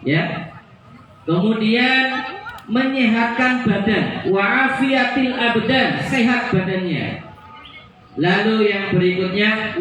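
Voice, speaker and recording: A man's voice: high voice, reverberant, background noise. A man, a religious teacher telling schoolchildren a story and quizzing them playfully. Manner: playful, questions the children. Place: school hall at an iftar gathering.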